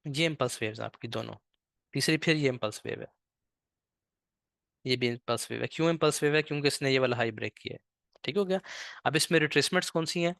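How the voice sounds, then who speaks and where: A man leads a live online trading class in a mid-pitched voice. He is patient and slow on purpose, and keeps checking in with his listeners. The sound is dry and close. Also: gravelly, a bit bright, dry recording. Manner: patient, repeats "ठीक है" often; speaks slowly on purpose. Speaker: trading teacher.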